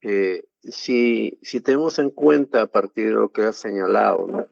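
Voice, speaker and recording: A man's voice: fairly low pitch, a little slow, gravelly, a little mellow, dry recording, dull audio. A man moderating an academic panel over a video call, his audio choppy and breaking up, hesitant with many filler sounds. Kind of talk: formal academic panel questions.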